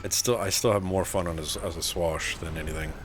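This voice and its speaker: Male game streamer, low voice, relaxed chatty delivery, answers chat. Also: a little fast, background noise. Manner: laid-back, answers chat, many fillers like "so, like" and "um". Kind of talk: casual live-stream chat.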